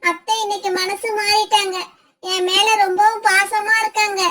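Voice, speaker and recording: Woman doing a tiny high myna bride. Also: normal speed, crowd noise. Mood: joyful. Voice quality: very high, thin and flat-toned. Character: young bride myna bird, gentle and devoted. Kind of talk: cartoon voice acting.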